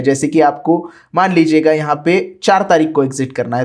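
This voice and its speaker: Patient Indian man explaining trading. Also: fairly high pitch. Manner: patient, explanatory, many fillers. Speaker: finance educator. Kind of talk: screen-share tutorial explanation.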